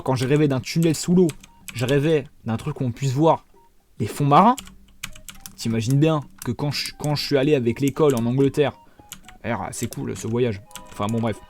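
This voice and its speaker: A man's voice: a little high, darkish tone. A young man in his twenties giving casual, rambling gameplay commentary, swearing often and talking straight to his viewers. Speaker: gaming YouTuber.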